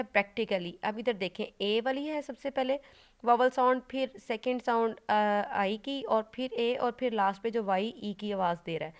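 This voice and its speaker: A woman's voice: a little high, smooth. A woman teacher giving a recorded online English lesson, explaining step by step and checking with her students as she goes. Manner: patient, explains step by step, often checks with "okay?". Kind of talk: recorded online class lecture.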